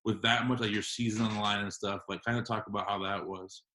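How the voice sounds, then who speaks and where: Young male host, lowish voice, laid-back chatty interviewer. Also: steady tone, fast talker, sharp tone. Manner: laid-back, loose phrasing. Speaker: podcast host. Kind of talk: casual interview.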